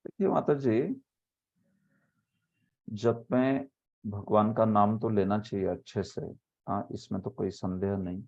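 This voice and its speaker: A man's voice: lowish voice, a little mellow. Man teaching a scripture class, muffled audio. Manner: explains by example and sounds out words slowly. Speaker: spiritual teacher.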